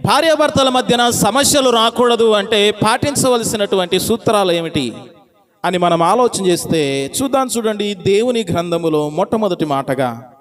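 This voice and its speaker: A man. He builds his points through rhythmic repetition and keeps asking the listeners to call back their answers. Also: high voice. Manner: calls on the congregation to answer aloud; rhythmic, repeating phrases for emphasis. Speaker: pastor. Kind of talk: sermon.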